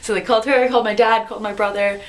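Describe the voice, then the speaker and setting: A woman in her twenties chatting to camera as a vlogger, telling her story in a bubbly, animated way. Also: medium pitch, very fast. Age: 20s. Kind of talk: casual chat to camera.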